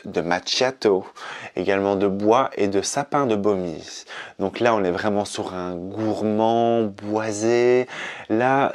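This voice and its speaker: Enthusiastic man reviewing perfumes. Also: lowish voice. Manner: enthusiastic, repeats "donc du coup". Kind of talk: casual countdown review.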